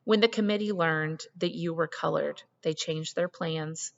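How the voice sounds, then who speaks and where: A woman voicing an elderly, indignant but compassionate vice principal in a storybook reading, with earnest, deliberate, emphatic phrasing. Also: low-pitched, vocal fry. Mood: grave, ashamed. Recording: muffled, long hall reverb.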